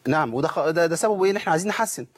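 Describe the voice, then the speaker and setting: A man with an Egyptian accent teaching a tajweed lesson, explaining pronunciation and stretching out words slowly to demonstrate. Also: on the high side, animated, a crowd in the background. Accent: Egyptian Arabic. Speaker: Quran recitation teacher.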